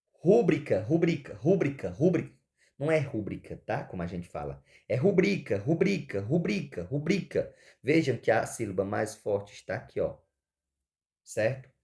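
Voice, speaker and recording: Man, teacher, exam walkthrough, warm mellow tone, repeats key words, asks and answers his own questions. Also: lowish voice.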